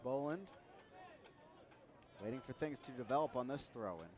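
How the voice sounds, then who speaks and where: A man's voice: mid-range voice, animated, moderate pace. A man doing live play-by-play soccer commentary as an announcer. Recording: outdoor stadium noise behind. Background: outdoor stadium ambience.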